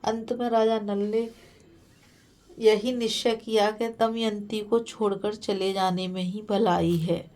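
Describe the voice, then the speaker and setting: A woman storyteller narrates an ancient epic in a measured, solemn voice. Her pitch sits in the middle for a woman. She reads at a very unhurried pace. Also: flat delivery, darkish tone, poor audio.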